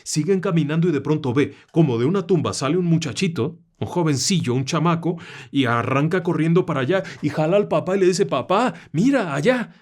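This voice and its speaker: A man's voice: a little high, expressive, fast talker, hardly any pauses, darkish tone. A man narrating a horror story in a conversational, dramatic way, with asides to the listener.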